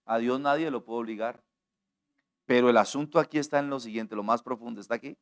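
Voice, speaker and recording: A man preaching a sermon as pastor at a church altar, impassioned, moving from hushed asides to shouting and asking the congregation questions over and over. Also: medium pitch, brisk, clean tone. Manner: asks the congregation frequent questions.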